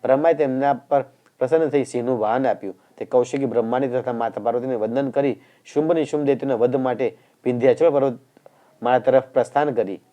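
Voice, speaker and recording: Man narrating scripture in a dark, mellow voice. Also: mid-range voice, fast talker, muffled recording.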